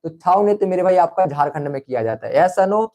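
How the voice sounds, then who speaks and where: A man's voice: high voice, expressive, brisk, a little mellow. A young man teaching a live online quiz class, coaxing students with repeated questions and calling them brother. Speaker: online exam-prep teacher.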